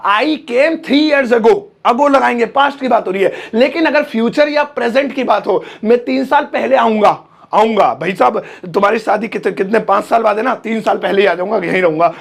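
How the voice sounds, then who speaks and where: A man teaching English phrases in a playful, joking manner, drawling out the examples slowly. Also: high-pitched, creaky. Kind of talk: Hindi-language English lesson.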